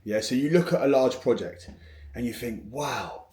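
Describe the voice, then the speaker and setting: A man's voice: medium pitch, animated, normal speed, a little mellow, echoey room. A man who runs a construction business, telling a frank, rambling story to camera with many restarts.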